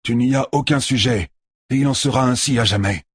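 A soft, calm young lord, as a male narrator puts him on, stern beneath his quiet words in an audiobook. The voice is lifted above the reader's own and keeps a husky grain. The recording is close and dry. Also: medium pitch, fairly quick, no echo, voice pushed up. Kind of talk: audiobook character voice.

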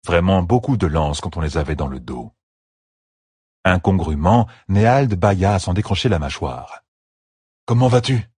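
A man reading a fantasy audiobook in a measured, expressive narration. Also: deep voice, breathy edge, dry recording, clean studio sound.

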